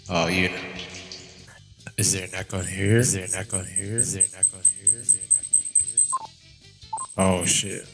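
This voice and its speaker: A man's voice: deep voice, flat delivery, normal speed, long pauses, music in the background. A man testing a cave echo voice effect, calling out playfully. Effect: cave echo voice-changer effect. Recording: cavernous echo with long reverb.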